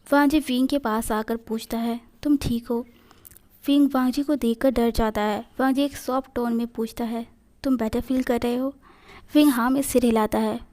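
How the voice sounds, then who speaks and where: Woman reading a story aloud, mellow tone. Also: a little high. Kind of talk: fan fiction read aloud.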